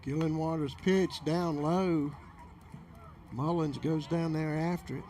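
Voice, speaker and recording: A man's voice: a little high, steady tone, slow pace, a little mellow, slight background noise. A man giving play-by-play baseball commentary for local television from an outdoor game.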